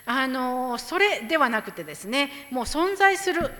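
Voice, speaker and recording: A woman interpreting a sermon phrase by phrase, lively and expressive as she restates each line for the congregation. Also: sits high, unhurried. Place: church hall. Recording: echoey hall.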